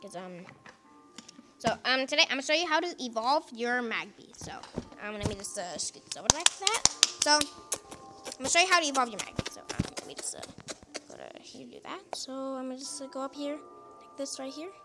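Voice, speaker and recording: A woman's voice: high-pitched, big pitch swings, brisk, over loud music. A woman hosting her gaming channel, giving casual, rambling commentary full of fillers and restarts, recorded on a phone set down nearby.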